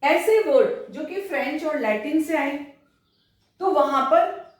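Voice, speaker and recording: A woman teacher giving a lesson, explaining step by step and repeating example words slowly. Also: high voice. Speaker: English teacher. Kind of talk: classroom-style lesson. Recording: distant mic in a very echoey room.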